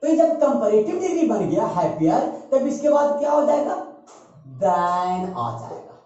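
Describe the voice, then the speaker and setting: Lively, echoey classroom teacher, man. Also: very high-pitched, brisk. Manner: repetitive, emphatic explaining with frequent "है ना" tags. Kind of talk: classroom grammar lesson. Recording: echoey room, distant dull mic.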